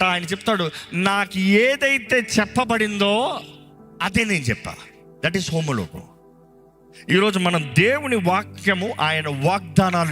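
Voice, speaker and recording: Man preaching to a church, fervent, keeps repeating the same declarations, bright high voice. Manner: mixes in English scripture phrases. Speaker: pastor. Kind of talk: live Sunday sermon and led prayer. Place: church service before a congregation.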